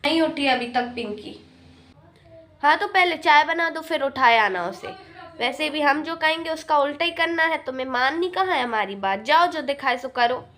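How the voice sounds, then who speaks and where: A woman's voice: high voice, animated, normal speed, a bit bright. A woman playing a bossy, nagging older mother-in-law in a comic family skit, with a scolding, imperious manner.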